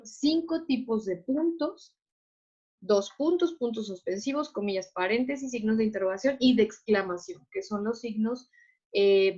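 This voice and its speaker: A woman teacher, patiently explaining to her class and often checking that students follow. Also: mid-range voice. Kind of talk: online class lecture. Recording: muffled lo-fi audio.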